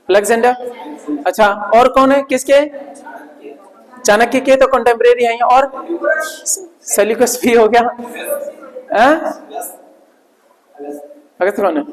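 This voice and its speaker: A man with a notably high voice teaches vocabulary to a class, repeating each word several times. He checks in with "right?" after nearly every phrase. The sound rings with a long reverb from the classroom. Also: unhurried, long pauses. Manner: drills words aloud, constantly asks "right?". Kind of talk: classroom lesson. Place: classroom with projector. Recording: echoey room with long reverb.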